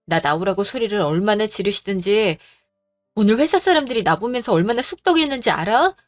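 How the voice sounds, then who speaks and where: A woman's voice: medium pitch, animated, fairly quick, no echo, studio quality, soft background music. A young woman reading a bride-to-be's lines in a storybook drama, firm and exasperated. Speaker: narrator voicing a bride-to-be.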